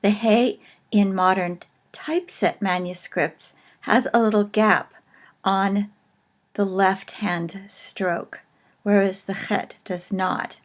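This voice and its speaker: A woman teaching in a recorded video lesson, explaining slowly and carefully with pauses. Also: mid-range voice, steady tone.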